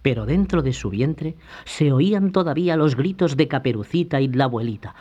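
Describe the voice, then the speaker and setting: A storyteller reading a fairy tale aloud in an unhurried, scripted narration, in a slightly dull recording with soft music behind. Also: medium pitch. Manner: unhurried and lively.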